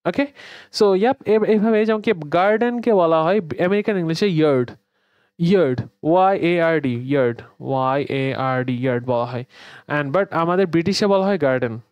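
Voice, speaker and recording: Bangladeshi male English teacher, chatty lesson delivery, clear tone, dry recording. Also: high voice, normal speed, no echo, dull audio. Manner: conversational, mixing English words into explanations. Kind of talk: online grammar lesson.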